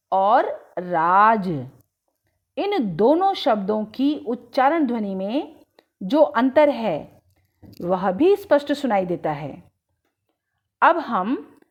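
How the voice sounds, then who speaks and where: A woman narrates a lesson at a very slow pace, pronouncing each word deliberately. Her somewhat high voice rises and falls in a lively way. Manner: slow, deliberate, drawn-out enunciation. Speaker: Hindi teacher.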